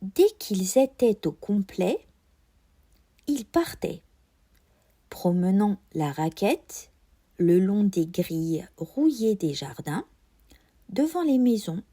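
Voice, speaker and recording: A woman dictates a text like a schoolteacher, extremely slowly and deliberately. Her tone is soft and mellow, with careful articulation. The pitch moves expressively through each measured phrase. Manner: careful, deliberate enunciation with marked liaisons. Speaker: teacher giving a dictation. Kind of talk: dictating slowly, repeating phrases and speaking punctuation aloud.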